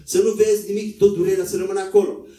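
A man preaching a sermon in a conversational way, acting out quotes in a higher voice. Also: level tone, mellow. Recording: echoey room, voice from a distance.

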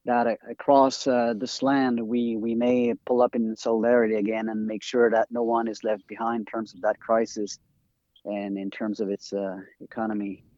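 A man with a French accent, a native French speaker, talking as an interview guest and author in a halting way with many fillers and restarts. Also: on the low side, level tone, darkish tone, dry recording. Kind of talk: interview talk over a call. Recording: dry, dull lo-fi audio.

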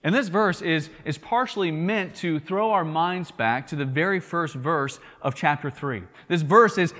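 A man's voice: sits high, a bit bright, long reverb tail. A man from Tennessee with a Southern accent, preaching a sermon in an earnest way, often repeating words and asking "right?". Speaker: pastor.

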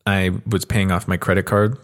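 A man hosting a podcast tells stories in a relaxed, informal way, swearing freely. His voice is low and level, at a moderate pace.

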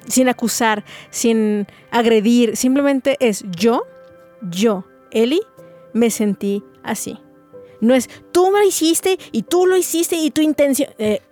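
Woman, fairly high voice, earnest faith-based teaching talk, faint music underneath. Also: a little mellow. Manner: earnest, explanatory, acts out example phrases.

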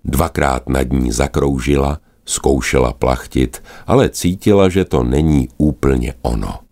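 A man narrating a children's animal story in a gentle, expressive manner. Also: rumbling low.

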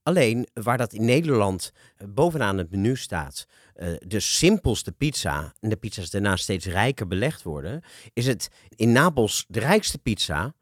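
A man's voice: on the low side, very animated, moderate pace, no room sound, studio quality. A man hosting a conversational interview in a wry, articulate, teasing way. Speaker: interviewer, show host.

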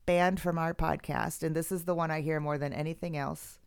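A woman's voice: deep voice, fairly even intonation, moderate pace, vocal fry, clear, resonant tone, no room sound, clean studio sound. A woman co-hosting a casual podcast chat, emphatic and fond of repeating herself for effect. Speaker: podcast co-host.

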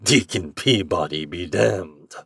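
A man voicing a sooty, menacing male forest devil in a hoarse, growling voice that speaks slowly and deliberately. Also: low-pitched, lively intonation, a bit bright, no room sound, clean studio sound, exaggerated voice. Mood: gruff menace. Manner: slow, deliberate, brooding.

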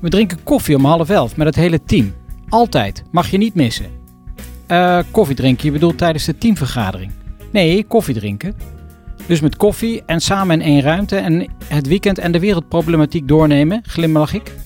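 A man's voice: fairly high pitch, expressive, a little mellow, faint music behind. Reflective man reading his own story. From Netherlands, Arnhem area. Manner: reflective, poetic, measured. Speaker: rehabilitation physician telling his story. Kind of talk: scripted first-person narration.

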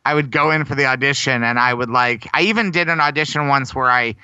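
American guy telling stories on a podcast, really bright smooth voice, dry close sound. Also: medium pitch, fast, no echo, poor audio. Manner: chatty storyteller, laughs often, self-deprecating. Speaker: guest performer. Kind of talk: casual interview chat.

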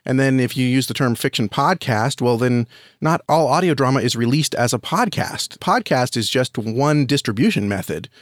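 Speaking at a normal pace with an expressive, medium-pitched voice, this audio drama producer and reviewer is being interviewed for a podcast. There's no room sound, just a clean studio recording. His explanations run long and conversational, with frequent repeated words as he works out how to say things.

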